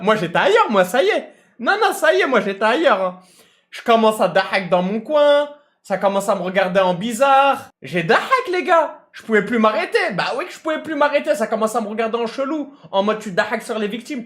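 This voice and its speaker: A man telling a comic anecdote in casual slang, acting out people and shouting at times. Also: sits high. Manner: animated, slangy, mimics and shouts mid-story. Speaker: storyteller recounting a tow job.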